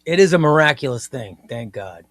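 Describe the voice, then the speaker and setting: A man's voice: mid-range voice, animated, normal speed, a bit bright, no room sound. A man in his fifties hosting a comic book livestream, chatting casually and with enthusiasm, often repeating himself. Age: 50s. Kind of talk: casual livestream chat reading viewer comments.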